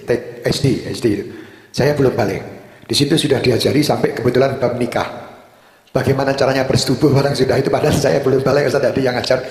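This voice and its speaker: A man giving a calm, halting religious talk, recalling past events with pauses and fillers. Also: medium pitch. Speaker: religious leader and guest speaker. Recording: echoey hall reverb.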